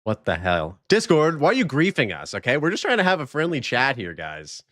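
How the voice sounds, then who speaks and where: A man's voice: medium pitch, huge pitch swings, a little fast, a bit bright, dry recording, studio quality. A man hosting a casual live podcast, talking loosely with lots of fillers and frequent laughs. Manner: laughs often, many "like" fillers. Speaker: podcast host.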